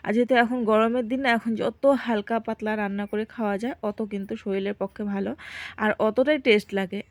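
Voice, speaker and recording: A young woman from Assam chatting to her viewers in a casual home vlog, explaining as she gardens and cooks. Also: mid-range voice. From Assam, India. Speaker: vlogger and homemaker.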